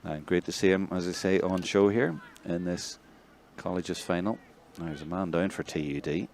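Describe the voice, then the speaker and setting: A man with a Northern Irish accent giving live play-by-play commentary, chatty between plays and excitable when a score comes. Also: sits low, normal speed, a little hiss or hum. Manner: conversational, excitable on big plays. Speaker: match commentator.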